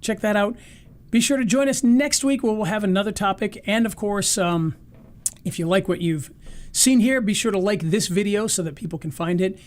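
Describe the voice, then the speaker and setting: At a moderate pace, a high-pitched man hosts a live marketing session and gives a casual live-stream wrap-up. He rambles loosely with restarts, his voice starting to go.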